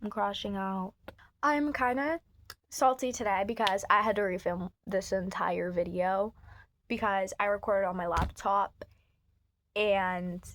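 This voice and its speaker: A woman's voice: medium pitch, steady tone, a little slow, a little hiss or hum. Woman, phone-recorded vlog; blunt, chatty, swears freely. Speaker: service dog handler. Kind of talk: casual vlog talk to camera. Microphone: phone camera mic.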